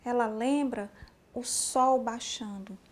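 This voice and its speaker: A woman teaching a sign language class, explaining each sign slowly and speaking straight to the learner. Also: a little high, fairly even intonation, darkish tone. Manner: slow, explanatory, addressing the learner directly. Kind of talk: spoken instruction for a sign language lesson.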